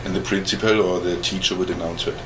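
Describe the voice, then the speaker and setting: In an oral history interview, an East German man in his forties tells the story of his life. His voice is very low and German-accented; he occasionally laughs softly and stops to find the right English words, while a constant background noise runs beneath.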